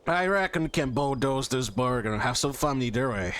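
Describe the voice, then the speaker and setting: A man's voice: medium pitch, expressive, normal speed, fairly bright tone, natural voice. A man voicing a scheming cowboy outlaw gang boss with a drawling, skeptical Western way of talking.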